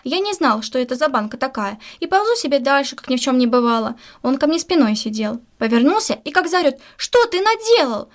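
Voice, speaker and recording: A woman reading a children's story aloud in a lively, expressive first-person narration. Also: high-pitched, fast, few pauses.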